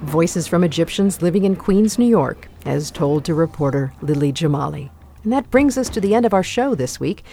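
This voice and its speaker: A woman hosting a radio news show with polished, clear delivery. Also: sits low, expressive, moderate pace, dark tone, slight background noise. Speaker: show host.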